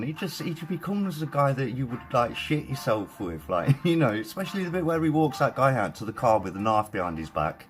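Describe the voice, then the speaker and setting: Brief: British man, live-stream host, chatty and excitable, casual swearing, faint music behind. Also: mid-range voice.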